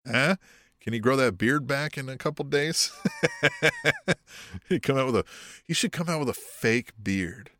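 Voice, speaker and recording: A man's voice: mid-range voice, measured pace, pauses often, a bit bright, a little hiss or hum. A man hosting a podcast in casual, profane, rambling chat with a sardonic edge. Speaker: podcast host.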